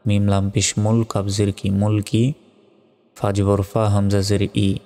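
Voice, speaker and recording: A man teaching Quran reading, spelling out each word slowly and evenly, then reciting it in long drawn-out tones. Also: fairly low pitch, in a large hall. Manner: slow, even spelling drills, with drawn-out recitation.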